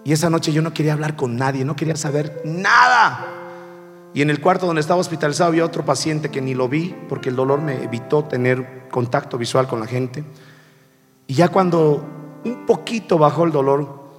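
Male pastor with a fairly high voice, slow, deliberate sermon storytelling, long hall reverb, soft music underneath. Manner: slow and deliberate, addressing the congregation as brothers.

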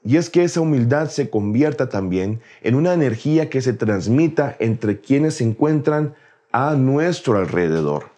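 A man giving a calm, measured explanatory talk on faith, speaking reflectively and addressing the listener directly. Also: mid-range voice.

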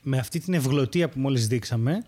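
A man co-hosting a podcast in casual chat, animated and often laughing at his own stories. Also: mid-range voice. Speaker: podcast co-host.

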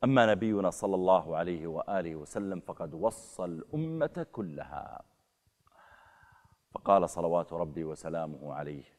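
A man preaching a sermon, rising sharply and forcefully on key phrases. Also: sits low. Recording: long hall reverb.

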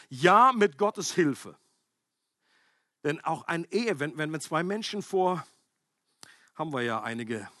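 Male preacher, high and slightly husky, dry close sound; emphatic, chatty sermon delivery. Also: no room sound. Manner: conversational, emphatic preaching with animated acted-out quotes.

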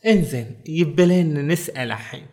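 A man with a Bahraini Arabic accent talking casually through a book, reading verses slowly and adding joking asides. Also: on the high side, darkish tone. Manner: chatty, quotes verses slowly, jokes aside. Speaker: book reviewer. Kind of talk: casual spoken book talk.

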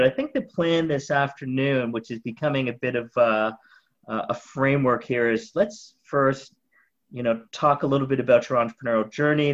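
A man's voice: mid-range voice, muffled recording. Man hosting a podcast interview. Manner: hesitant, repeats words. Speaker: podcast host.

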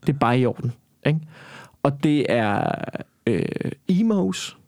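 A man's voice: medium pitch, very animated, gravelly, darkish tone, no room sound, clean studio sound. A young man in casual conversation, telling a long personal story in a rambling way, with many restarts and some swearing.

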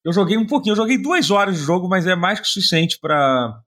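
A man's voice: sits high, lively intonation, fast, sharp tone. A tired man with a Brazilian Portuguese accent, hosting a casual gaming chat and rambling with many repeated words. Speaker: podcast host.

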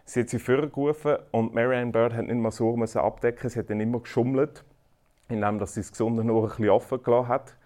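A man preaches at an ordinary mid pitch. His delivery is lively, rising to loud emphasis and then dropping to quiet, earnest asides. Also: quick pace. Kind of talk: sermon.

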